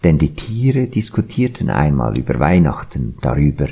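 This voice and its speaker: A man's voice: very deep voice, very animated, moderate pace, dark tone. A man hosting a short devotional radio spot, telling a story in a storyteller's manner. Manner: husky, gravelly voice.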